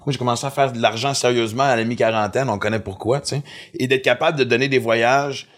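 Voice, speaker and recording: A man's voice: medium pitch, fast. A man in his fifties with a Quebec French accent, a comedian chatting casually on a podcast and acting out the lines he quotes. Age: 50s. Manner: animated storyteller, acts out quoted lines. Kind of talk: casual chat.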